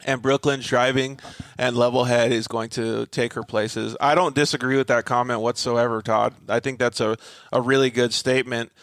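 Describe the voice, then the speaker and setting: A chatty, relaxed man hosts a casual interview, talking loosely with plenty of fillers and easy asides. His voice sits at an ordinary middle pitch. The sound is dry and close, with no room echo. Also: normal speed. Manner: chatty, laid-back, filler-heavy. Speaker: show host.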